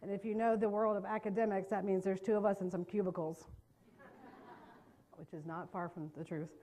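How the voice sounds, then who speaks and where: A middle-aged trauma care trainer from North Carolina, speaking with a Southern accent, gives a chatty, joking training talk to a live audience in a meeting room. Her voice is mid-range with a dark tone and fairly even intonation, and she talks fast, cracking self-deprecating jokes.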